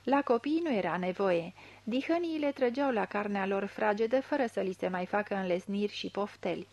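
A woman reading a literary novel aloud in a measured, even storytelling manner into a close studio mic. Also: medium pitch. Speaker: audiobook reader. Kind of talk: scripted literary narration.

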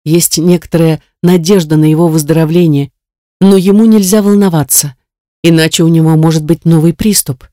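A distraught mother speaks in pleading, tearful phrases, as an audiobook reader puts her on. The tone is mellow and dark, recorded dry and close. She sounds worn down by worry for her child. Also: mid-range voice, steady tone, brisk, no echo, close to an everyday voice. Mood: anxious. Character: anxious, grieving mother of a sick boy. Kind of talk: audiobook character reading.

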